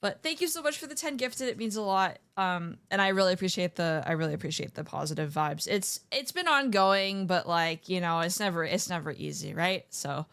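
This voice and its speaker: A woman's voice: on the low side, expressive, brisk, hardly any pauses, a bit bright, smooth, no room sound. A woman livestreamer chatting casually with her viewers in a playful, slangy gamer manner, scattered and often interrupting herself. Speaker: livestreamer hosting an art stream.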